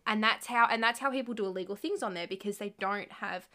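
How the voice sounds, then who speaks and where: A woman in her twenties co-hosts a podcast, chatty and explanatory in casual talk. She speaks fast in a mid-range voice with a sharp tone.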